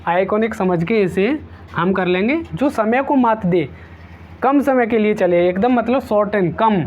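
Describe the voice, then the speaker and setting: A man's voice: high-pitched, dull audio. A man teaching an exam-prep vocabulary lesson, repeating each word several times and using playful memory tricks.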